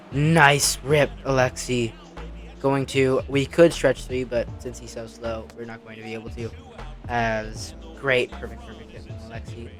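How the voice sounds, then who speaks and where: Excitable man doing game commentary. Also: mid-range voice. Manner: excitable, talks back at the game and pleads with players. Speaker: video game player and streamer. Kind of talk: let's-play game commentary. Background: background music.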